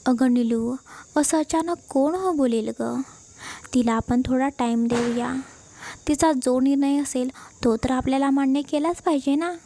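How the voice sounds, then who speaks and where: Woman doing a gentle old grandmother, high voice, gravelly edge. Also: a little slow, slight background noise. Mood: affectionate. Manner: gentle, affectionate, mildly teasing. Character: kind old grandmother, head of the family.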